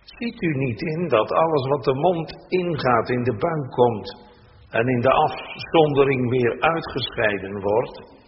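A man reads scripture from the pulpit in a slow, weighty cadence. His emphasis climbs on key phrases, and his voice rings through a long church reverb. The recording is dull and slightly muffled, with faint background noise. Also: medium pitch. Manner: slow, solemn reading with rising emphasis. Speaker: pastor. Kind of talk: scripture reading in a church service.

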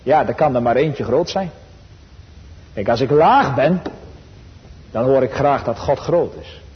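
A man preaching a sermon to his congregation, earnest and emphatic, slowing for quotations and rising in fervor. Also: mid-range voice, lively intonation. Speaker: pastor. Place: church. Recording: dull sound with long church reverb.

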